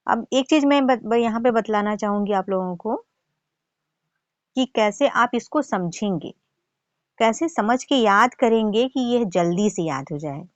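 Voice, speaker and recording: Woman teacher, deliberate pronunciation drills, dull low-fi audio. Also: dry recording. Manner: careful drawn-out syllable-by-syllable pronunciation drills. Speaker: Sanskrit teacher. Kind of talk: grammar lesson with recitation.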